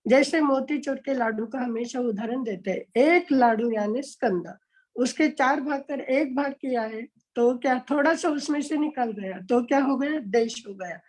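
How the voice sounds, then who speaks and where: Woman teaching scripture, fairly high voice. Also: normal speed, darkish tone, rough recording. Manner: explanatory, poses questions then answers them. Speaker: Jain nun teaching scripture. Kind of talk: religious lecture. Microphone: online video call.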